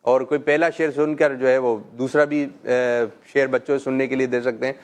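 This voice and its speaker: Gentle coaxing male kids' show host. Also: medium pitch, level tone. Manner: gentle, coaxing questions, frequent "mashallah". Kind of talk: teaching children, live call-in show.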